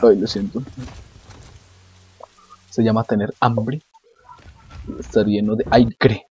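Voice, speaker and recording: Foul-mouthed Mexican gamer joking along. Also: male voice, lowish voice, level tone, takes it slowly, dark tone, husky, dull audio. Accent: Mexican Spanish. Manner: crude, profane, joking banter. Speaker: gamer streamer. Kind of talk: let's-play commentary.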